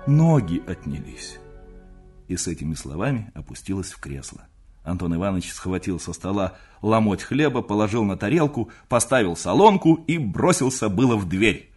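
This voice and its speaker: A man narrating a classic novel as an audiobook, expressive storytelling. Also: lowish voice, a little fast, slightly rough, soft background music. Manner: expressive storytelling, acting out the characters.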